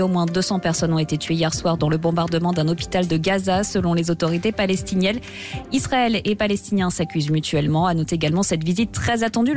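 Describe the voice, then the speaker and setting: A woman delivers breaking news as a radio presenter, reading a scripted bulletin. Her voice sits at a medium pitch, with a clear music bed playing underneath. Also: darkish tone.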